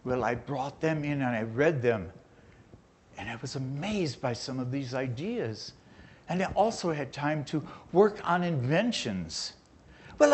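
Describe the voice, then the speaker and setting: A man with a fairly high voice tells a story in the first person, playing a historical figure on stage. He talks in an animated, wide-eyed way, lingering on each discovery. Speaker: chautauqua performer.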